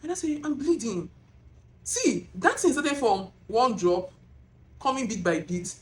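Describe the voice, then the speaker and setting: A woman with a Nigerian accent filming herself as she tells a personal testimony, emotional and animated, close to tears. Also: fairly high pitch, unhurried. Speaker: vlogger. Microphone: self-filmed camera.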